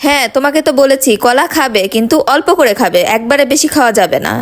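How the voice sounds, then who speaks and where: Gentle, coaxing woman talking to her cats. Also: sits high, animated, fast. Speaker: pet owner vlogger. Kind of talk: casual chat to pets and viewers.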